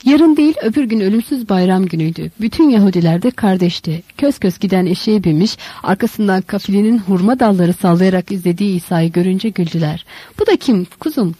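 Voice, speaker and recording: A woman reads a literary novel aloud in measured, dramatic narration. Her voice is warm and mellow, and the recording is dry and close. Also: medium pitch, breathy edge, no echo, poor audio. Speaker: audiobook narrator.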